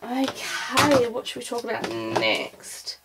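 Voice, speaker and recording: A woman's voice: fairly high pitch, huge pitch swings, slow. A woman presenting an informal craft demonstration, thinking aloud as she goes. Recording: clear background noise, clicks.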